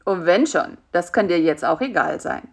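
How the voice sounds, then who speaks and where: A woman's voice: lowish voice, expressive, moderate pace, creaky. A woman voicing a grumpy, lazy male spider in a storybook reading, grumbling and dismissive. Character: grumpy, lazy male spider who wants his nap.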